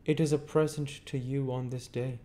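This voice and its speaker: Pronouncing his views, a stern middle-aged lawyer voiced by a male reader treats every question like cross-examination, clipped and emphatic, a storybook figure sure he knows better. The voice is pushed up well above the reader's own yet close to an everyday voice, loud and insistent with a mellow darker undertone, at medium pitch with a steady tone and moderate pace. There is slight background noise.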